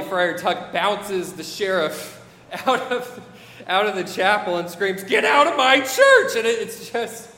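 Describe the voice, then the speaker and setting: A man's voice: fairly high pitch, a bit bright, a little hiss or hum. A man preaching a sermon, reading scripture and adding wry, modern asides. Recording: echoey hall with long reverb, faint ambience.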